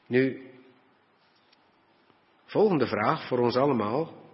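Earnest preacher in a reverberant hall. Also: male voice, mid-range voice. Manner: earnest, slows down to stress words. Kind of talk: sermon with scripture reading. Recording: dull sound with long hall reverb.

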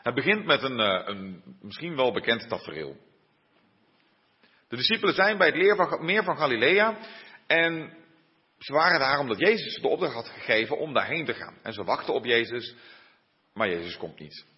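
A man's voice: medium pitch, big pitch swings, normal speed, husky. A man preaching a sermon in a church and reading from scripture, speaking unhurriedly with frequent hesitations. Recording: dull muffled sound in a reverberant church.

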